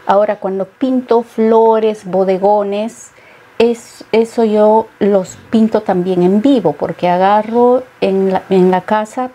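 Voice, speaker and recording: Hesitant, mellow-voiced woman painter from Peru. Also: mid-range voice, steady tone, slow pace. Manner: thoughtful, many hesitations. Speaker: painter guest. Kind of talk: interview conversation. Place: studio set with bookshelves.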